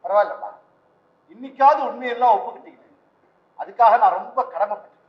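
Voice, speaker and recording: A man plays a kindly, quietly wry priest in an old stage play, his voice sitting unusually high. It sounds far off in a big echoing hall, on a dull old recording. He talks with calm theatrical care. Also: brisk, natural voice. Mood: gentle. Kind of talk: vintage stage play acting.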